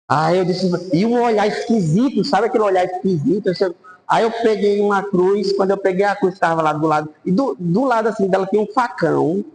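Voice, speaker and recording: Man, priest, lively storytelling, highish voice. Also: moderate pace, rough recording. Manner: animated anecdotes, voice rising and falling. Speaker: priest teaching a Bible course.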